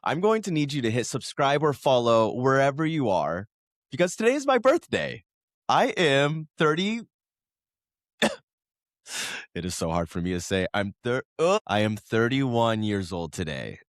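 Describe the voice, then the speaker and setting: A man in his thirties hosts a solo podcast while coming down with a cold, chatting casually and rambling, correcting himself and laughing often. His mid-range voice has big pitch swings and an unhurried pace. The recording is dry, with clean studio sound.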